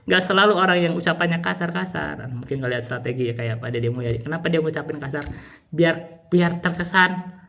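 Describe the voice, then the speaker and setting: A man from West Java with a Sundanese accent, teaching religion in a casual, rambling way, jumping from high exclaims to low mutters. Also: fairly quick, creaky, fairly bright tone. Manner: rambling, repetitive, pitch swings between high outbursts and low mutters. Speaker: Islamic teacher.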